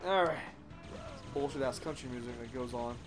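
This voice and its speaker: A man's voice: medium pitch, fairly quick. A man hosting a let's play, swearing constantly and ranting sarcastically, rambling with restarts and asides as he plays. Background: game music.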